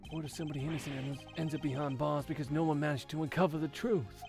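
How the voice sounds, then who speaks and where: A woman voicing an eager, hot-headed young man who talks in excitable, loud outbursts. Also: sits low, fast talker, over music, pitched above the performer's own voice. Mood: indignant.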